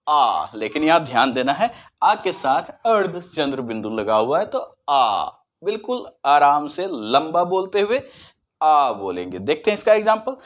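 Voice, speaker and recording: A man whose first language is Hindi, teaching English pronunciation, spelling words out letter by letter and then saying them slowly. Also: a little high. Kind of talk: explaining spelling and pronunciation lesson.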